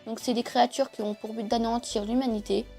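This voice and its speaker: A woman's voice: a little high, fairly even intonation, fast, gravelly, mellow. A young woman talking casually to camera about comics she recommends, hesitant and full of fillers. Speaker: manga reviewer. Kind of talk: casual video monologue. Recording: faint background music.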